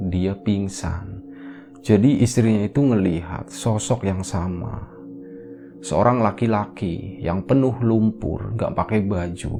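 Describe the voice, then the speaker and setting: A man with an Indonesian accent tells a ghost story in an easy, conversational manner, his voice deep and mellow. Faint music plays underneath. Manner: relaxed conversational storytelling with fillers. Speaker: horror storyteller. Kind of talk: casual retelling of a ghost story.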